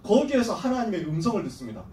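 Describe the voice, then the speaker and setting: A male youth pastor rattles through a Bible story in a high, very animated voice, slangy and playful with his listeners. He sits back from the mic in an echoey church hall, with faint ambience behind him. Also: very fast, far from the mic, slight background noise. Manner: casual and slangy, acting out story scenes. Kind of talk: lively youth sermon.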